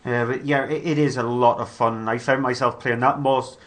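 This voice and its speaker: A man's voice: mid-range voice, steady tone, fairly quick, a bit bright. A man on a podcast panel, chatting in a rambling, easygoing way. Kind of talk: casual chat about games.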